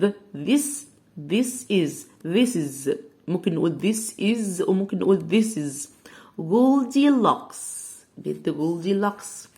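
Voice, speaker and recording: A young woman with an Egyptian Arabic accent teaching a children's English lesson, sounding out words slowly syllable by syllable. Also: mid-range voice, warm tone.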